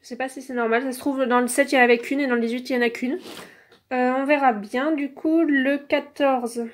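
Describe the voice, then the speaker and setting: High-voiced woman chatting through an unboxing. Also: steady tone, fairly quick. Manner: chatty, many "donc" and "euh" fillers. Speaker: toy reviewer. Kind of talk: casual unboxing review. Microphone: phone held in one hand.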